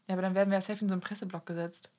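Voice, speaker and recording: Verspielte Podcasterin mit deutschem Akzent. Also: female voice, medium pitch, level tone, rapid-fire, darkish tone. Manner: playful, mixes English words into German. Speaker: podcast co-host. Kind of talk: casual podcast chat.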